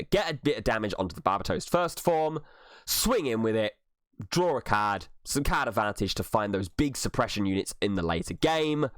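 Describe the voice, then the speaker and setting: A man breaks down new trading card game cards one by one, analytical and casual. His pitch jumps up and down a lot as he talks. The sound is dry and close, with no room echo. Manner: analytical, with some filler restarts. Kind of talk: card game set review.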